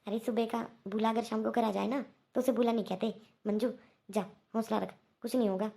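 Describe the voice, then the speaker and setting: A woman's voice: a little high, fairly even intonation, brisk, vocal fry, mellow. A woman voicing a firm, wise older aunt in a cartoon, who urges and coaxes her family with short commands. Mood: urging. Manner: urging, coaxing commands. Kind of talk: Hindi cartoon voice acting.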